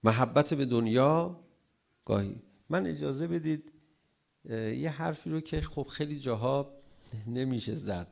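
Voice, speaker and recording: A middle-aged man delivers a sermon with a gravelly edge to his voice. He is animated, and his voice climbs when he acts out arguments between spouses. His pitch sits in an ordinary middle range. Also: long pauses. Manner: animated, acts out quarrels in a raised voice. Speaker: cleric giving a religious talk on marriage.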